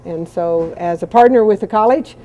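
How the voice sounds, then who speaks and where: A woman's voice: medium pitch, normal speed, warm tone. A woman from a college foundation, talking enthusiastically and chattily on camera in a large indoor hall. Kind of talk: on-camera interview.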